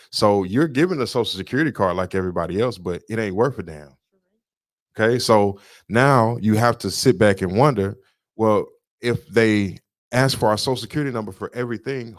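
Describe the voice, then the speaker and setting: A lowish male voice comes through in studio quality, free of echo. He's a podcast co-host in casual political conversation, lecturing emphatically and restating his points.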